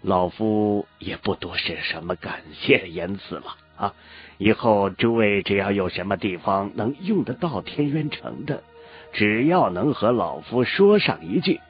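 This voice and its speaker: A man voicing a silver-haired old male sect elder who speaks in a measured, modest way. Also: lowish voice, big pitch swings, breathy edge, heavily acted. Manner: measured, humble then stern. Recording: lo-fi with faint music.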